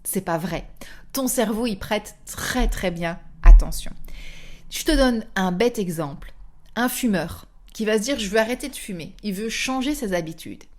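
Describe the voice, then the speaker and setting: Woman podcast coach, chatty and animated, pitch all over the place. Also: moderate pace. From France. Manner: animated, coaxing, voices inner thoughts in quotes. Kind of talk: motivational podcast talk.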